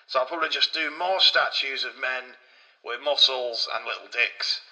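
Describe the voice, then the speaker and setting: A man's voice: medium pitch, moderate pace, pushed and bright, poor audio. A man voicing a coarse, boastful male Renaissance sculptor, rambling crudely.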